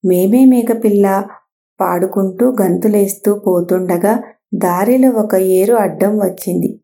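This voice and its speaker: Lady reading a kids folk tale out loud, gentle and expressive, mellow dark-ish tone, normal pitch. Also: unhurried, creaky. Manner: gentle, expressive read-aloud. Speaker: storyteller. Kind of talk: children's story narration.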